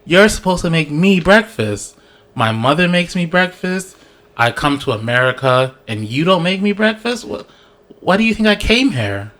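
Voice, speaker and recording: A man putting on the voice of a calm but demanding husband who states what he expects flatly. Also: sits high, normal speed, pitched above the performer's own voice. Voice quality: calm, matter-of-fact delivery.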